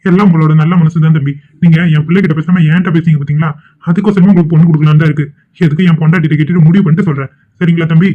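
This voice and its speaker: A man's voice: on the high side, steady tone, racing, lightly acted. A man voicing a stern middle-aged father in a cartoon, scolding and commanding. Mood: polite. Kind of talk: cartoon voice acting. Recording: tinny phone-like audio.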